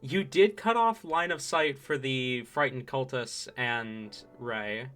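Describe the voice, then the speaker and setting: Slow, bright-voiced man running a game. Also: mid-range voice, faint music behind. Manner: halting, deliberate narration. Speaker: game master. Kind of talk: tabletop game narration and rulings.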